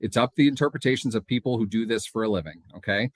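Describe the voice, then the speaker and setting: A man's voice: lowish voice, quick pace, no room sound. A man in his thirties co-hosting a sports podcast over a video call, ranting in an assertive, insistent way. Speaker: podcast co-host. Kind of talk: casual sports podcast chat. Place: home room.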